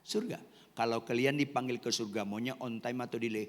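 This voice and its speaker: A male pastor preaching an animated sermon, joking and quizzing his congregation and shouting now and then. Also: medium pitch, fairly quick, long reverb tail. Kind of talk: lively sermon.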